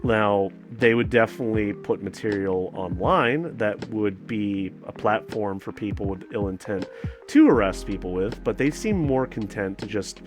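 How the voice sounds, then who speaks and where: A man's voice: on the low side, lively intonation, moderate pace, music in the background. A man hosting a casual commentary video, rambling with many fillers, sarcastic asides and swearing.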